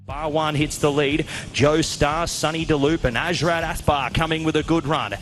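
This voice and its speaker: A man's voice: a little high, steady tone, normal speed, fairly bright tone. A man calling a horse race live as a race caller, in short running phrases. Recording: music playing behind the voice. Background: music.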